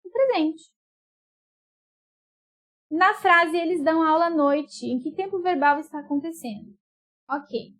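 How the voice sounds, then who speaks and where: A woman schoolteacher explaining a lesson patiently, drawing words out and checking in with her pupils often. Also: sits high. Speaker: school teacher. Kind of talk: remote class explanation.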